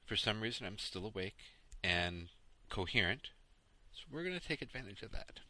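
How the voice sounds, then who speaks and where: A man in his thirties hosts a casual gaming podcast late at night, sounding tired and rambling. His voice is sharp and bright but sits a bit low, recorded very dry and close. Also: lively intonation, moderate pace, no room sound. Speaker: podcast host. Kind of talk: casual solo podcast chat about games.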